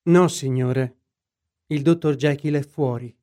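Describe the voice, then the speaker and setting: A man's voice: medium pitch, slow pace, dark tone, close to an everyday voice. Man reading as an old, deferential butler. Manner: respectful, plain.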